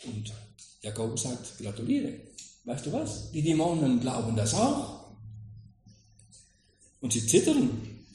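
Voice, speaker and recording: A man preaching a sermon on scripture, asking questions and speaking straight to his listeners. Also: mid-range voice. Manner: lively, questioning, addresses listeners directly. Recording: echoey room with faint noise.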